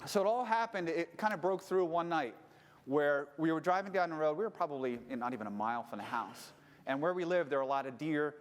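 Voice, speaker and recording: A man's voice: fairly high pitch, expressive, a little fast, in a large hall. A man casually telling a personal story as a relationship coach, candid and swearing freely. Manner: candid, swears freely, grows heated retelling the fight.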